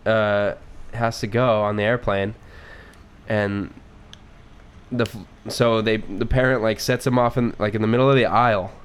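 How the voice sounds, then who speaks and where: A man with a lowish voice chats loosely on a podcast, trading crude jokes and curses. His nose sounds stuffy. A faint hiss of room noise sits behind him. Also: fairly even intonation, normal speed. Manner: crude, joking, swears often. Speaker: podcast host. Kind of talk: casual podcast chat.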